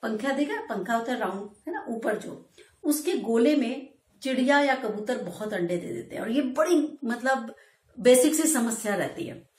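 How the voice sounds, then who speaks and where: High-voiced woman teacher in echoey room. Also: animated, moderate pace, a little mellow. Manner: storytelling, acts out quoted lines with a laugh. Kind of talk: explaining a story chapter in class.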